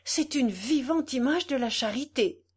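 A woman's voice: high voice, lively intonation, measured pace, a little mellow, husky, voice pushed up, exaggerated voice. Woman reader doing an enthusiastic young man, fervent, voice lifted a bit. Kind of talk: audiobook reading.

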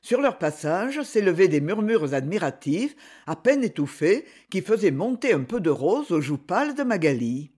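An audiobook narrator reading a romance novel with expressive delivery. The voice sits in a middle pitch and rises and falls in a lively way. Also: normal speed, hardly any pauses, breathy edge.

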